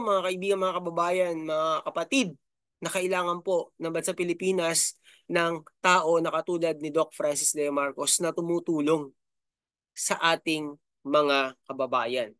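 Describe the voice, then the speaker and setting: On the high side yet steady, his voice is a bit bright, clear and resonant as this middle-aged Filipino YouTube host offers casual commentary at a moderate pace. He's chatty, heavy on fillers, and keeps asking "no?" and "di ba?". Clean studio sound, no room noise.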